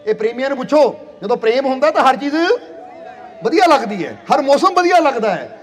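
High-voiced man preaching in a hall. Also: big pitch swings, fairly quick. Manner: earnest, repeats phrases for emphasis, sings short devotional verses. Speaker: spiritual preacher. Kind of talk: devotional sermon. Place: satsang hall. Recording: long hall reverb.

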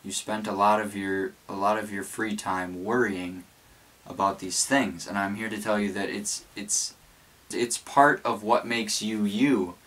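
A vlogger in his late teens speaks reflectively to a camera a few feet away, indoors in a small, cluttered bedroom. A cold sore on his lip makes him hold his mouth a bit stiffly. His voice is fairly low in pitch and a bit bright.

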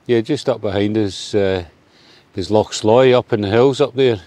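Scottish male hiking buddy, lowish voice, dry jokey banter. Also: normal speed, warm tone, dry recording. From Scotland. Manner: dry, joking. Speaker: hiking companion. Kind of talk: casual banter. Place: outdoors by a remote mountain cabin.

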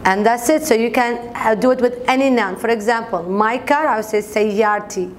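A woman's voice: a little high, brisk, a little hiss or hum. A young woman teaching an informal language lesson to camera, explaining and repeating example words. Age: young adult. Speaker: language teacher and video host. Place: bright indoor office classroom.

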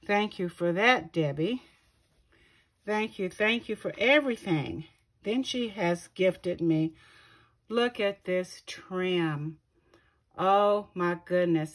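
Female craft vlogger, low-pitched and unhurried, admiring gifts in a casual show-and-tell. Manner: slow, gushing, pausing often to find words. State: keeps clearing her throat. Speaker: craft channel host.

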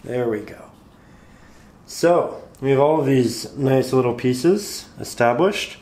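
A man calmly guiding viewers through a step-by-step painting tutorial, slightly hoarse, in an unhurried, encouraging way. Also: medium pitch. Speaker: painting instructor.

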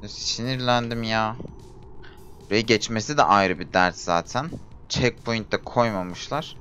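A man giving frustrated commentary while playing a game, groaning, pleading and shouting at it. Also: fairly low pitch, a little slow, a little hiss or hum. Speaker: gameplay streamer.

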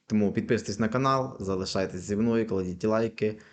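A young man teaching a language lesson, patiently explaining and slowly repeating example words. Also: fairly low pitch.

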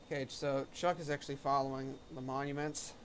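A man's voice: medium pitch, little pitch movement, fairly quick, fairly bright tone, slight background noise. A man hosting a casual gaming stream, chatting with friends and narrating his flight aloud. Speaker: streamer and host.

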